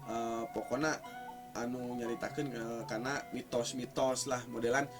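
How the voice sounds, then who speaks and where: Explaining folk tales in a teacherly yet casual way, a man speaks at a moderate pace with a medium-pitched voice and steady tone. His Sundanese West Java accent comes through as he hesitates and repeats important words for emphasis, while music plays underneath.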